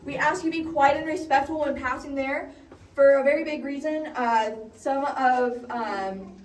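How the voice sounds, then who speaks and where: A woman guide speaks to a tour group inside a cave, her fairly high voice ringing with heavy echo. She is picked up from a distance and explains things plainly, with the odd light aside. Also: unhurried. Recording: echoey cave, distant mic, faint noise.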